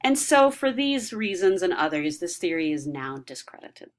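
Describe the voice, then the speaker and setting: A woman's voice: on the low side, sing-song, moderate pace. A woman giving a recorded lecture, explaining ideas step by step with frequent ums and restarts.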